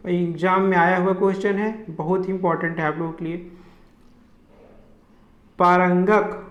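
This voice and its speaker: A man's voice: high-pitched, flat delivery, quick pace, echoey room, muffled recording. A man teaching a Hindi grammar lesson for exam preparation, naming each wrong spelling, asking for the correct form and answering it himself.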